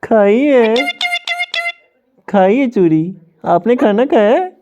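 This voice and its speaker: A woman talking to her pet parrot in a sweet, playful, coaxing way and gently teasing it. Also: on the low side, lively intonation, measured pace, lo-fi sound, soft background music. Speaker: parrot owner.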